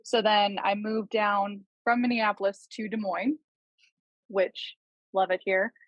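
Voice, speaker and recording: A young woman in her twenties talks through a casual podcast chat, light and self-mocking. The audio is a bit dull and lo-fi, with a very dry sound. Her voice sits at a medium pitch. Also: steady tone, slow, no echo. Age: 20s. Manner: chatty, self-deprecating. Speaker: project manager.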